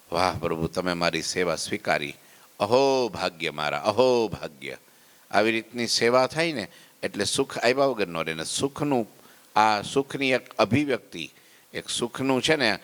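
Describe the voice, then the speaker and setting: Low-voiced man preaching in a reverberant hall. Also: a bit bright. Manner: storytelling, sings verses of hymns slowly. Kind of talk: devotional sermon. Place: temple hall. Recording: long reverb of a temple hall.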